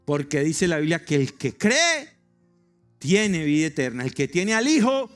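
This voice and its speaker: A man's voice: on the high side, big pitch swings, unhurried, soft background music. A male pastor preaching a sermon in an emphatic way, firing rhetorical questions with humorous asides to a congregation.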